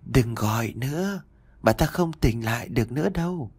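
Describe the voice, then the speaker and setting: A man's voice: mid-range voice, expressive, moderate pace, darkish tone, slightly rough, dry recording. A man voicing an eerie ghost child who taunts a boy in a horror story. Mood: taunting.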